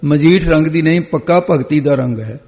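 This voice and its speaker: A man's voice: a little high, normal speed, darkish tone, long reverb tail, muffled recording. A man teaching the meaning of scripture line by line and patiently correcting a student's pronunciation. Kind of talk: line-by-line scripture exposition lesson.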